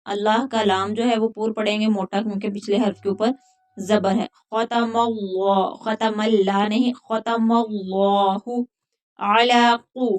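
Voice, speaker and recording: A woman teaching a tajweed lesson, patiently explaining each rule and then chanting the verses slowly. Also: a little high. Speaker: Quran recitation teacher.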